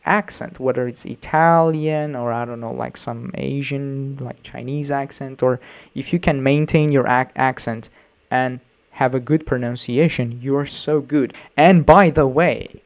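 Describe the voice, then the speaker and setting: A male English teacher comments on a video he is reacting to. He talks loosely and rambles, circling back with frequent restarts and filler sounds. His voice sits at an ordinary middle pitch. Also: steady tone, unhurried.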